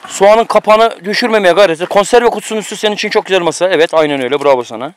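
High-voiced man giving bossy outdoor instructions. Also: very fast, smooth, no room sound. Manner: bossy, teasing running commentary. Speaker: outdoor cooking vlogger. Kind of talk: casual outdoor chat, instructing a friend. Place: outdoors on a mountain.

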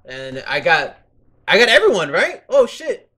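A man's voice: high voice, wildly swooping pitch, unhurried, noisy background. A man hosting a casual game stream, teasing his friends and swearing freely. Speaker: stream host. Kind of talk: casual gaming stream chat.

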